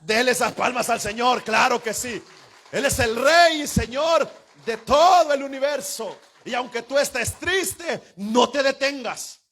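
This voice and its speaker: High-voiced fervent preaching man. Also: unhurried. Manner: preaching with sudden shouts and hushed asides. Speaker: pastor. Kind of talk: fervent sermon.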